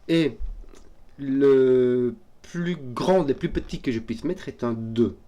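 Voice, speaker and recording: Mellow-voiced man puzzling aloud. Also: medium pitch. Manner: hesitant, self-correcting, halting. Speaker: puzzle solver. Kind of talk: thinking aloud while solving a puzzle.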